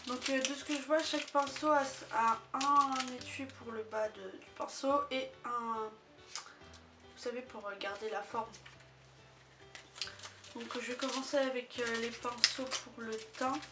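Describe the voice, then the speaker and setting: A woman's voice: a little high, steady tone. Chatty woman reviewing, distant mic. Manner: chatty, hesitant, many filler pauses. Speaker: beauty vlogger. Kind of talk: casual product review. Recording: distant mic with music behind.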